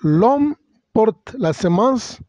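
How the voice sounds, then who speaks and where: A pastor with a high, dark-toned voice draws out his words expressively during a teaching sermon, recorded with dull audio and no room sound. Bilingual in English and French, he is hesitant, full of fillers and self-corrections, spelling out words and using English terms.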